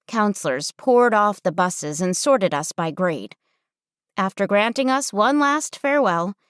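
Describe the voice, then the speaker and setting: A woman narrating a first-person audiobook with wry, expressive storytelling. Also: lowish voice, no room sound, clean studio sound.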